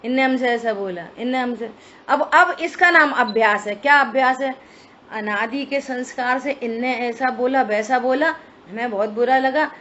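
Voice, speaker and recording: A woman with a fairly high voice leads a scripture study session. She explains each point patiently and keeps checking that her listeners follow. The recording is dull and lo-fi, with a faint hiss underneath. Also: normal speed, sharp tone. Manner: explanatory, asks listeners rhetorical questions. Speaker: scripture teacher. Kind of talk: religious study discourse.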